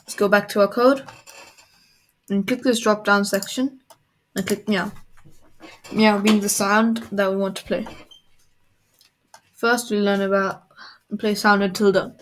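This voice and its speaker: A woman as a coding tutor, explaining a software tool step by step in a screen-recorded tutorial. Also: mid-range voice, fairly even intonation, a little slow, pauses often.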